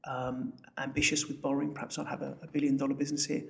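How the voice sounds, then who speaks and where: A man's voice: mid-range voice, flat delivery, fast talker, gravelly. A man with an Essex accent giving chatty, emphatic interview answers as a business founder, often repeating words. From Essex, England. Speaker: business founder, podcast guest.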